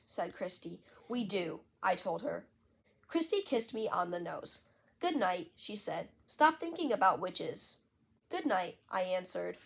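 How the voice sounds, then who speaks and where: A woman reading a children's book aloud in an expressive storytelling manner. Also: medium pitch, slightly rough. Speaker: audiobook reader. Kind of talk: audiobook narration of a children's book.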